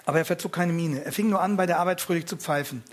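A man retelling a story in a relaxed way, with frequent hesitations, moving between his own words and first-person reading. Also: fairly high pitch, fast talker, a little hiss or hum.

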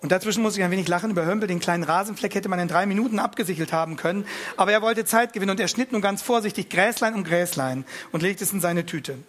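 A man with a high voice for his sex retells a story at an easy pace. He hesitates often and slips between his own narration and reading in the first person. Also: fast, fairly bright tone.

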